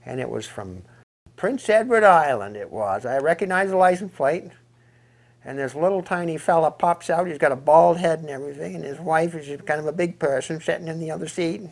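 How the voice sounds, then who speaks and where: A man with a New England accent telling a humorous yarn in a folksy, meandering, drawn-out way, with a creaky voice. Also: a little high. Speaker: storyteller.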